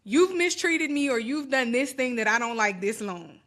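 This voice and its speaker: This is a woman co-hosting a podcast panel, with a high voice and a bright, sharp tone. She speaks firmly and directly, laying out each point plainly. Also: moderate pace. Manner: firm, direct, emphatic about boundaries. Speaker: podcast co-host. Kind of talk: casual panel discussion.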